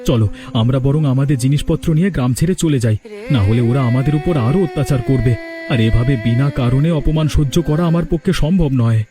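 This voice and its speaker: A man with a mid-range, natural voice talks fast, voicing a poor, humble yogurt seller in a cartoon. His manner is deferential and plaintive, and he sounds dejected in this cartoon character dialogue.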